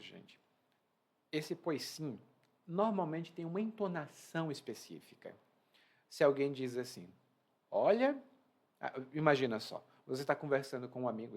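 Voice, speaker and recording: A man with a Brazilian accent, a Portuguese teacher explaining a reading to learners and acting out quoted phrases, talking at home. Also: medium pitch. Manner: animated, acts out quoted phrases. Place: at home indoors.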